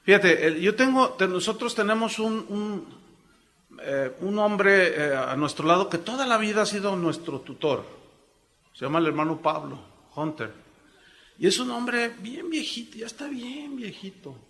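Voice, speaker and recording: A middle-aged man from Mexico preaching a sermon as pastor, telling stories in an animated way and acting out the voices of the people he quotes. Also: sits high, measured pace. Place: church congress hall.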